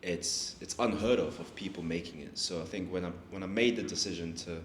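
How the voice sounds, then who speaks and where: A young South African fighter, appearing as a guest in a casual interview, answers questions in a low, deep voice. He sounds laid-back and hesitant, often stopping and restarting his sentences. The room is echoey, with faint background hiss.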